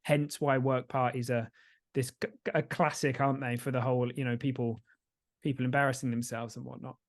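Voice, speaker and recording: A man's voice: mid-range voice, level tone, fairly quick. A man co-hosting a sober-living podcast, chatting casually and rambling a little as he coaches. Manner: rambling, self-interrupting. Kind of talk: casual chat.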